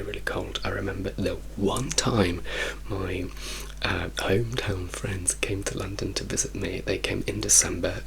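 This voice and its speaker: A man from Italy gives a soft-spoken ASMR ramble in a hushed, mostly whispered voice, unhurried and repeating words for emphasis. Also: deep voice, gravelly, slight background noise, poor audio. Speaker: ASMR creator telling personal stories.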